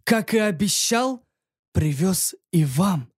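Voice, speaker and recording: A man's voice: high-pitched, lively intonation, slow, husky, dry recording, clean studio sound, full character voice. A man voicing a courteous young prince reporting to a king. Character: young male prince, polite and earnest.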